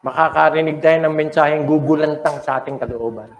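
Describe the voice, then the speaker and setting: An older Filipino pastor delivers a heartfelt, dramatic sermon, his voice pitched high for a man. The sound rings around an echoey church sanctuary. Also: a little fast, lo-fi sound, a little hiss or hum. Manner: emotional, dramatic preaching mixing English and Tagalog.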